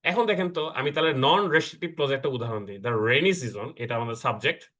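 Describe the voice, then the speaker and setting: A man's voice: mid-range voice, fairly quick, fairly bright tone. Bangladeshi man teaching grammar online. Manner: checks in with the class after nearly every point; mixes English words and phrases into his talk. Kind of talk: online class lecture.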